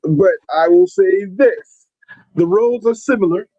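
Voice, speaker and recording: A man's voice: sits high, a little slow, mellow, no echo. A man in his forties co-hosting a podcast, chatting casually about sports in a laid-back, rambling way. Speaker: podcast co-host. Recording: dull lo-fi sound.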